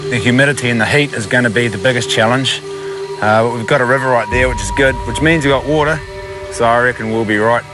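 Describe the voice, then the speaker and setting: A man's voice: mid-range voice, quick pace, music in the background, rough recording. A man with a broad New Zealand accent giving casual, slangy outdoor commentary as a survival presenter. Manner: blokey, slangy. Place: outdoors in tropical wetlands and on boats.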